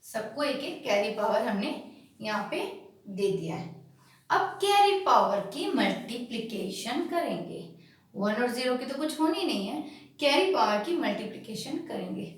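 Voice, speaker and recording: A woman's voice: a little high, very animated. A woman teacher who explains a lesson step by step, often asking checking questions and answering them herself. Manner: slow and emphatic when spelling out digits. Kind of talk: classroom lesson on binary numbers. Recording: echoey room, far from the mic.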